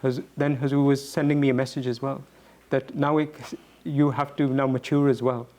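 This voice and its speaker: As a guest fielding questions, a man answers thoughtfully, sincere but hesitant, frequently repeating words. His voice is mid-range and somewhat dark, with little change in pitch.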